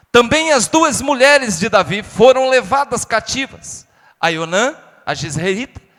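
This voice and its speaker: A male pastor from Brazil with a São Paulo accent, preaching to his congregation, rising to loud calls and dropping to hushed lines. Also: extremely high pitch, in a large hall. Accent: Brazilian Portuguese, São Paulo state. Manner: addresses the congregation directly and asks them to repeat. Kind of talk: sermon. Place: church sanctuary.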